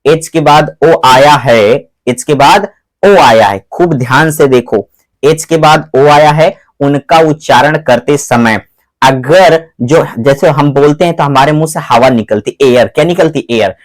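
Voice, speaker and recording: A man's voice: a little high, measured pace. A man teaching a grammar lesson in classroom style, often asking his students questions and repeating them, and saying English words with a Hindi accent.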